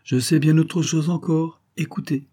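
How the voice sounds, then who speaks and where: A man's voice: a little high, steady tone, measured pace, mellow, breathy edge, pitched above the performer's own voice. A man reading aloud plays a cunning disguised adventurer who speaks with sure, commanding knowingness. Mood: knowing.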